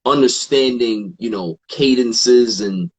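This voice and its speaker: A man guesting on a podcast, telling stories in a relaxed, casual way and acting out what others said. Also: mid-range voice, slow, husky. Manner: relaxed, quotes others in animated asides, frequent fillers. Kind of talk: casual storytelling in conversation.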